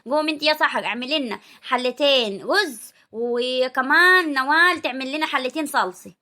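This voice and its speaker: A woman's voice: high-pitched, fairly quick, pushed and bright. A woman with a rural Egyptian accent playing a bossy older mother-in-law who scolds and orders the family about.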